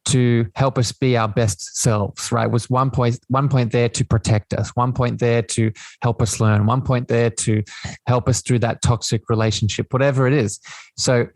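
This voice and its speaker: On a dry recording, a man with a mid-range voice hosts a spiritual podcast. His manner is reflective, and he regularly tags his thoughts with a questioning "right?".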